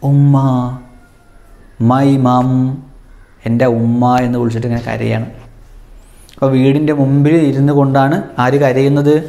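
A man with a medium-pitched voice, recorded in a roomy space, teaches Arabic to young children. He tells them a story as a lesson, animated and frequently asking them questions, his voice rising for emphasis.

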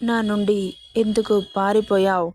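A cruel, domineering young rich man, read by a woman, speaks in a threatening, possessive way. His voice sits at a middle pitch and sounds close and dry. He is a storybook villain who gives orders. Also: level tone, measured pace, a little mellow, no echo, lightly acted. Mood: menacing.

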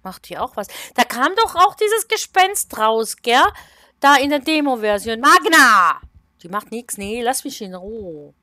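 A woman's voice: fairly high pitch, sing-song, unhurried, sharp tone, dry recording. A woman, commentating a horror game in a casual, nervous way, talking to herself and exclaiming in fright. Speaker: let's play gamer.

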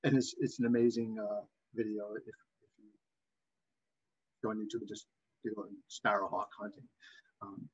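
Husky Boston-accented man, halting lecturer. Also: fairly low pitch, level tone, dull audio. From Massachusetts, USA. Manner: halting, backtracking delivery. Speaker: bird identification instructor. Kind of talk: informal slide lecture.

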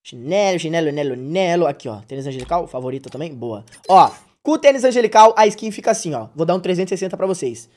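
A man's voice: fairly high pitch, lively intonation, fast talker, hardly any pauses, a little mellow. Slangy young male game streamer. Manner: slangy, playful, jokey banter with chat. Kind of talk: casual gaming livestream chat.

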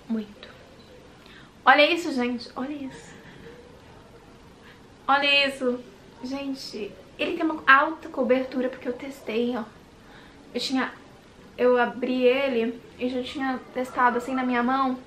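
A woman with a Brazilian accent showing off a makeup haul in a casual vlog, gushing and excitable, sometimes dropping to a whisper. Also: high voice, slight background noise. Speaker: beauty vlogger. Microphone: handheld compact camera.

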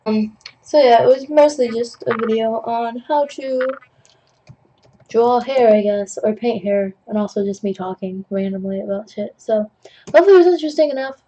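At a home desk, a young adult painting for a digital art tutorial chats jokily, drops puns, pokes fun at themselves and coughs from time to time. The mid-range voice sounds warm and moves at a moderate pace. The webcam audio is poor, with a little hiss or hum.

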